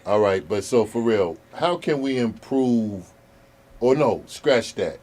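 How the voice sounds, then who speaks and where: Relaxed man hosting a casual chat. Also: fairly low pitch, takes it slowly. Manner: relaxed and conversational, repeats words. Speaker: host.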